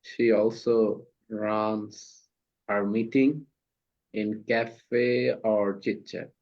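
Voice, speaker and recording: Hosting a speaking practice meeting over video call, a Bangladeshi man talks in slow, broken non-native English padded with fillers. His pitch is fairly low and barely varies, his tone is darkish, and the audio is dull and lo-fi.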